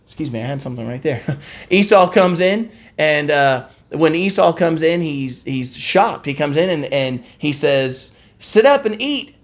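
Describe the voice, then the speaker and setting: A man with a fairly high-pitched voice leads a relaxed Bible study as a pastor. He reads passages aloud, trips over a word now and then, and turns to his listeners with questions. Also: a little slow. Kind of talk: conversational Bible teaching.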